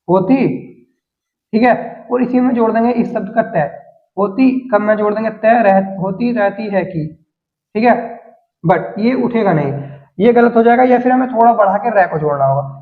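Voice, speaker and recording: A man's voice: high voice, normal speed. A man teaching shorthand step by step as he writes, patiently repeating each rule and talking casually to his viewers. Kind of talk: explaining steps while writing on a board. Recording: echoey room, tinny phone-like sound.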